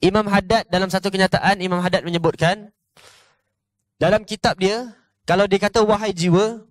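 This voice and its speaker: A man's voice: sits high, moderate pace, no echo. A male religious teacher with a Malaysian Malay accent, giving an online lesson on a classical text, reading passages and explaining them with frequent rhetorical checks. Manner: lively, peppers talk with rhetorical "ha?" checks; reads passages then explains them conversationally.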